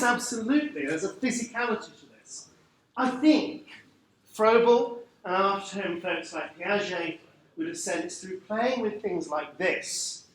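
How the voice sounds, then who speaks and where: A man giving a live lecture to a room of teachers, lively and wry, putting questions to the audience. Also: high voice. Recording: echoey room, faint background noise.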